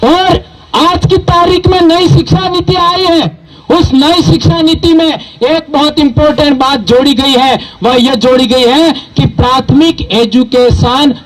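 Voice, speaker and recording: Speaking at a measured pace, a high-voiced man rallies an audience from the stage of a public gathering, pressing his points emphatically and firing rhetorical questions at the crowd. He is a community speaker from southern Rajasthan, India, and a native Bhili speaker. The recording is low quality.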